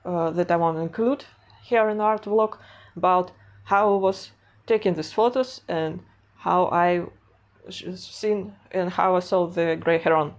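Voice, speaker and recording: Steady and measured, with a lowish pitch, a Russian-speaking woman narrates a laid-back vlog about her artwork while congested from a cold. Her talk is full of hesitations, fillers and restarts.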